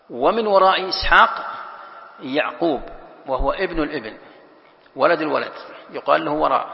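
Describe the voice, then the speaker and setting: A man's voice: fairly high pitch, gravelly. A man teaching a Quran commentary lesson as sheikh. He reads a line of text, then explains it and poses rhetorical questions. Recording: echoey hall, dull lo-fi sound.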